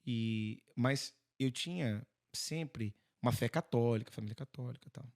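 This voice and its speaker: Brazilian priest telling animated stories. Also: male voice, medium pitch, normal speed. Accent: Brazilian Portuguese. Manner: animated, acts out dialogue in quoted voices. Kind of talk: conversational storytelling in an interview.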